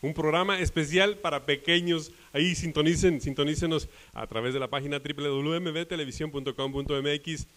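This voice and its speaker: A man's voice: a little high, steady tone, brisk, hardly any pauses, a bit bright. An older man hosting a live TV program, chatting and introducing guests with many fillers. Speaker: TV host. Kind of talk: live TV presenting.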